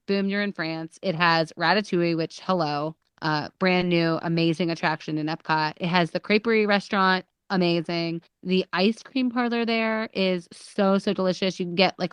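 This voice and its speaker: A woman's voice: fairly low pitch, a bit bright, clean tone, dry recording. A woman chatting casually as a panelist in a gushing, enthusiastic manner. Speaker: panelist in a theme park draft game. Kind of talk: casual chat.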